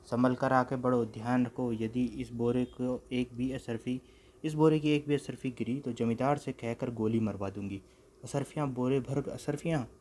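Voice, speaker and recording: A man's voice: mid-range voice, steady tone, normal speed, a little mellow, a little hiss or hum, lightly acted. Man voicing a shrewd, bossy village woman. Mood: commanding. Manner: bossy and scolding. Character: shrewd clever village woman, sharp-tongued trickster.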